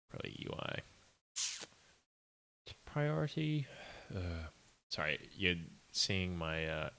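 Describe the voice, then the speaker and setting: Low gravelly-voiced man thinking aloud. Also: bright, forceful tone. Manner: muttering and thinking aloud, apologetic. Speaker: indie game developer streaming. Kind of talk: casual live-stream chat while coding.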